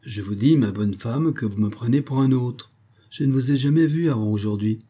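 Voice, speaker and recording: A man voicing a curt, respectable young gentleman in an audiobook, brushing off a stranger. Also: mid-range voice, lively intonation, a little fast, slightly rough. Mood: placating. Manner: curt, dismissive. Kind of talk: audiobook character voice.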